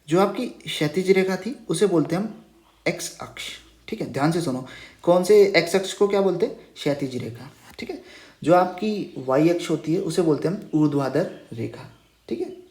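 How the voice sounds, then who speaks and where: In a Hindi lesson at the whiteboard, a man whose voice is on the high side and darkish speaks at normal speed amid a roomy echo. Patiently, he poses key terms back as questions and drops in "okay" after almost every phrase.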